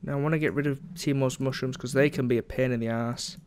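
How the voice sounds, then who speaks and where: A young man talks through his own match at a desk mic, chatty and sarcastic, with a middle-pitched voice. There is a faint hum of room ambience behind him. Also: steady tone, quick pace, darkish tone. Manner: chatty, sarcastic, mocks teammates, frequent ums. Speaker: gameplay commentator. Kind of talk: casual game commentary.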